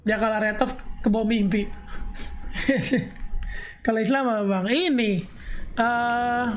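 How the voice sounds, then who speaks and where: A woman's voice: on the high side, steady tone, takes it slowly. Chatty woman game streamer. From Indonesia. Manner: chatty, laughing, reads chat aloud. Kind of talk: casual live-stream chat while playing. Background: game music.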